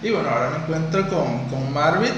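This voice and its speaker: Venezuelan guy hosting a podcast, kinda high voice, sounds far off in a very echoey room. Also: animated, brisk, fairly bright tone. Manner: friendly, conversational, asks long questions. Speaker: podcast host. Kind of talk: casual interview. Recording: roomy distant echo, faint noise.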